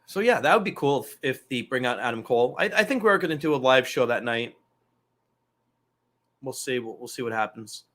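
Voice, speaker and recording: A man's voice: mid-range voice, lively intonation, brisk, fairly bright tone. A man hosting a casual wrestling talk show, loose and profane, rambling through asides. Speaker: podcast host.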